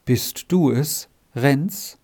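A man's voice: mid-range voice, very slow, darkish tone. A man reading aloud voices an anxious, tender-hearted little girl who pleads and wails in a storybook. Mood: glad. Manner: pleading, wailing.

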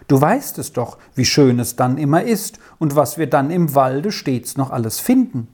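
A woman voicing a gentle, easily frightened young girl in a children's story, pleading anxiously. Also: a bass voice, very animated, moderate pace, breathy edge, heavily acted. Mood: earnest.

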